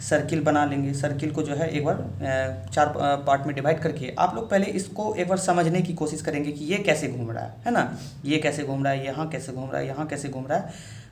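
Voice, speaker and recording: A man's voice: fairly high pitch, fairly even intonation, fairly quick, a little hiss or hum. Patient man teaching, echoey room. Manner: patient, repeats each step with frequent check-ins. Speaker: shorthand teacher. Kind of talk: step-by-step lesson.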